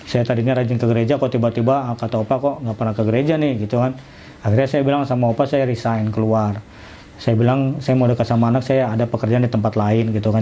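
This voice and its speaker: A man telling his own conversion story in a casual interview, acting out the voices of people he quotes. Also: mid-range voice. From Indonesia. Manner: animated retelling with quoted dialogue.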